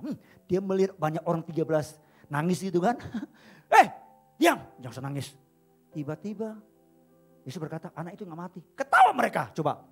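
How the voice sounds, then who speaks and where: Animated preacher swinging between shouts and whispers. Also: male voice. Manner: dramatic storytelling, shifting between booming shouts and hushed whispers; repeats "saudara" to address the congregation. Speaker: pastor. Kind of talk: sermon.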